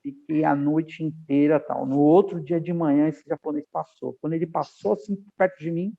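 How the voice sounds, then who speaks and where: Gravelly-voiced man telling stories over a tinny line. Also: a little high, normal speed. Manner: animated storyteller, acts out quoted dialogue. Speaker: podcast guest, aviation professional. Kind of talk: casual interview storytelling.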